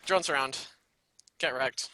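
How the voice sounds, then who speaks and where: A man casting a live video game match in a casual, rambling way, often laughing and getting excited. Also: mid-range voice, slow, no room sound. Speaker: game caster.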